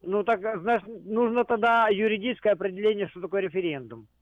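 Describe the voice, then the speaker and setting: Radio caller guy, really high pitch, stammery, thin phone sound. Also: dry recording. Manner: halting, stammering over words. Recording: tinny narrow phone line.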